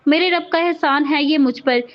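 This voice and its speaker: A devoted young husband, teasing and tender with his wife, as a woman narrator reads him in her own high voice. He sounds affectionate and playful, on slightly dull, muffled audio. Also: moderate pace, natural voice.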